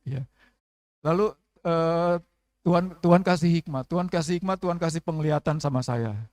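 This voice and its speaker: Pendeta pria bersuara tinggi, kering. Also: male voice, fairly high pitch, moderate pace, darkish tone, no room sound, clean studio sound. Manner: preaching with call-and-response questions and acted prayers. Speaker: pastor. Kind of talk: sermon. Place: church service.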